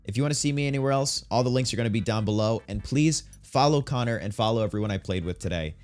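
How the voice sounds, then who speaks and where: A man's voice: medium pitch, expressive, fast, a little mellow, faint music behind. A man closing out his video, upbeat and thanking viewers. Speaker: channel host. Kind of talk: outro to viewers.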